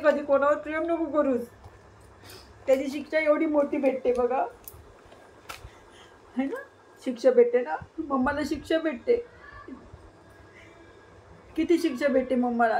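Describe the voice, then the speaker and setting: A woman from Maharashtra vlogging casually to her viewers and her small daughter, tearful and cooing in soft sing-song baby talk. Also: high voice, low-quality recording. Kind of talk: casual vlog talking to viewers and her child.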